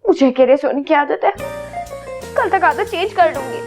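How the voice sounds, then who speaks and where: Whiny high-voiced young bride. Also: female voice, animated, normal speed, music in the background. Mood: tired. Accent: Pakistani Urdu. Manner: whiny, complaining. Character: pouting young bride, fussy and dramatic. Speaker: new bride. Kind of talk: TV drama acting.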